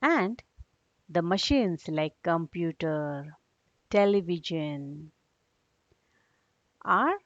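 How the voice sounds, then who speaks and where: A woman teacher leads a read-along lesson for young children, explaining things didactically and checking their understanding with short questions. Her voice is lowish and a little mellow, and the room recording sounds dull and echoey.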